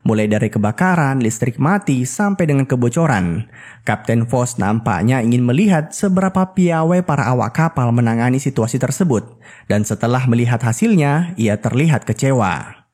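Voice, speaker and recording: A man's voice: mid-range voice, expressive, moderate pace, a little mellow, slightly rough. Man narrating a film recap. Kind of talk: scripted storytelling narration with casual asides.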